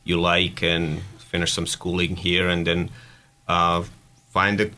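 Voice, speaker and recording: A man in his thirties from Bosnia and Herzegovina answers interview questions in a very deep but bright voice. He speaks in a relaxed, easygoing way, with loose, non-native grammar. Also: slow pace. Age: 30s. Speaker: director of operations, guest.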